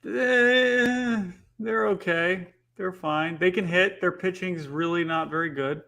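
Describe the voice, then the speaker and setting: A man co-hosting a casual talk show, laughing often and talking in a brisk, playful way. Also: fairly high pitch, vocal fry, bright, forceful tone. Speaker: co-host. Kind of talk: casual chat.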